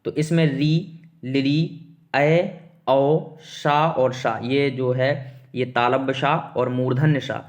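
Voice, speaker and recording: A man's voice: medium pitch, steady tone, slow. A man teaching an exam-prep lesson, explaining step by step with rhetorical questions and calling his students "beta".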